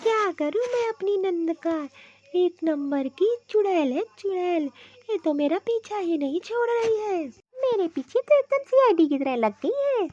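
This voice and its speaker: A fed-up, overworked cartoon daughter-in-law with a very high, squeaky voice, acted by a woman. She snaps back sharply. The recording is dry and muffled. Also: animated, measured pace, few pauses, a little mellow, dry recording. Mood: exasperated. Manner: exasperated, talking back. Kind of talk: cartoon voice acting.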